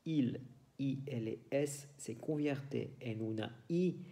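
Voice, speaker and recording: Slow, gravelly French teacher. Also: male voice, mid-range voice, warm tone. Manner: patient, repeats example phrases slowly. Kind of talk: language lesson.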